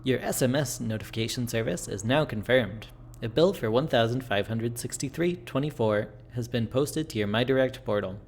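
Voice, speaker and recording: A man's voice: mid-range voice, normal speed, hardly any pauses, slight background noise, close to an everyday voice. Man reading as formal automated billing system. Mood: impersonal.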